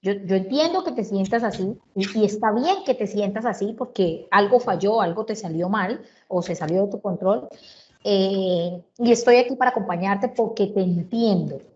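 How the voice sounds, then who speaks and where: A woman's voice: mid-range voice, moderate pace, a little mellow, highs cut off. Woman explaining emotions to teachers. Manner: asks rhetorical questions, repeats key points, acts out adult remarks. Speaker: workshop speaker on emotions and learning.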